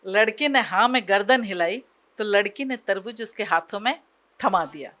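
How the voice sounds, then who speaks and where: Bright-voiced woman telling a story. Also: on the high side. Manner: expressive, dramatic, pauses for effect. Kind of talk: emotional story recitation.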